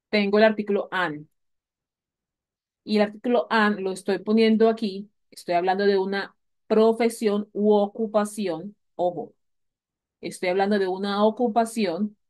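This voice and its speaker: A woman's voice: mid-range voice, a little mellow. Woman, English teacher, patient, repetitive explanations, recorded class lecture. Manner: patient, repeats key points, asks "¿vale?" often.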